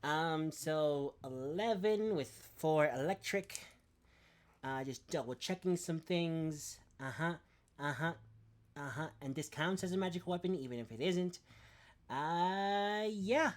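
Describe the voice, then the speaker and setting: A woman's voice: deep voice, lively intonation, a little slow. A woman running a tabletop game as game master, playful and often laughing.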